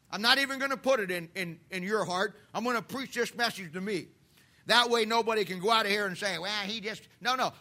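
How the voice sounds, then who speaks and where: A man's voice: high voice, sharp tone. A man in his fifties preaching a sermon in church, impassioned and folksy, with repeated phrases and homespun asides. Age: 50s. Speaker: pastor.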